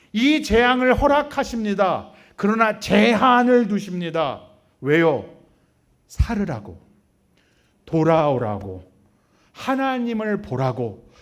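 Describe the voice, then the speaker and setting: A man preaching a sermon in church, talking to the congregation with rhetorical questions, sudden loud stresses and quiet asides. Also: sits high. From Korea. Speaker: pastor. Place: church sanctuary.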